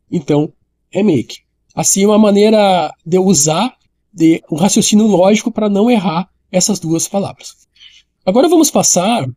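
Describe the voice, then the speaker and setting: An English teacher leads an online lesson in a high, soft, mellow voice with no edge. He explains with patience, repeating every point and talking directly to the viewer.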